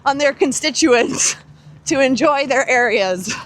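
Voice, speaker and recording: An American woman telling stories in a casual, animated chat while she runs outdoors on city streets. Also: high voice, a little slow. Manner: talking while running. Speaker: host of a running chat. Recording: faint outdoor street noise.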